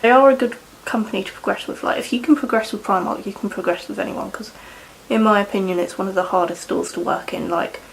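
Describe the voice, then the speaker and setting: A woman's voice: medium pitch, quick pace, creaky, few pauses, a little hiss or hum, rough recording. A young woman chatting casually in a rambling way while doing her makeup at home, with lots of fillers. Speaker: beauty vlogger.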